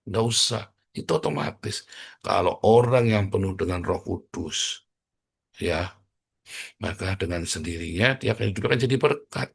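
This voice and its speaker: A middle-aged man with a voice on the low side preaches as a pastor, addressing brothers and sisters in the congregation. His style is joking, blunt, and provocative.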